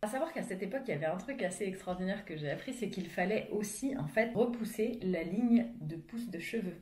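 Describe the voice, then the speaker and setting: A woman's voice: mid-range voice, animated, fairly quick, a little mellow. A young woman vlogging in a frank, chatty way, talking casually with plenty of fillers. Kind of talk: casual explanatory vlog monologue. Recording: echoey room.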